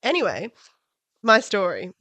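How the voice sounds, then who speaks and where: A woman's voice: medium pitch, huge pitch swings, measured pace, sharp tone, no room sound. A woman co-hosting a casual podcast, her voice nasal from being sick, talking dramatically with giggles. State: nasal from a cold. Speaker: podcast co-host. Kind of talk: casual chat. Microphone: studio podcast mic.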